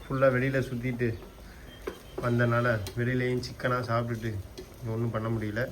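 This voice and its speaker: A man's voice: medium pitch, level tone, moderate pace. A man chatting casually at home as a vlogging father, easygoing and coaxing with his child. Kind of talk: casual family chat. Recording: noisy home recording.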